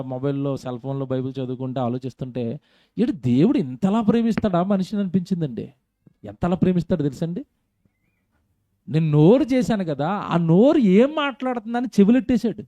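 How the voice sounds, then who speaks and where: A man's voice: on the high side, mellow, no room sound, lo-fi sound. A man preaching a sermon in a conversational way, often asking his congregation questions and acting out quoted voices. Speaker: pastor.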